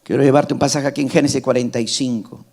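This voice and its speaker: A middle-aged man preaching a sermon as pastor, emphatic, rising to loud climaxes and dropping to soft asides. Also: mid-range voice, flat delivery, quick pace.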